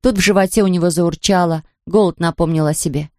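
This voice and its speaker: A woman reads a children's story aloud in a calm, even way. Her voice is dark and mellow, and the recording is dry and close with no room around it. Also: on the low side, fast talker, dry recording. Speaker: audiobook narrator. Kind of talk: storybook reading.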